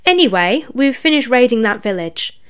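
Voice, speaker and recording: A woman's voice: a little high, lively intonation, normal speed, a bit bright, clear, resonant tone, voice pushed up. A sly, prying male raven demon soldier, as a woman storyteller puts him on. His voice sits a little above her own and carries a needling edge. He sounds like a storybook underling. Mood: reporting. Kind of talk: storybook reading.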